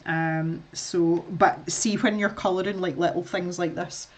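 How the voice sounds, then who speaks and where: A woman's voice: on the low side, steady tone, unhurried. A middle-aged woman with a Scottish accent chatting casually to viewers while she colours, rambling and laughing often. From Scotland. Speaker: art streamer.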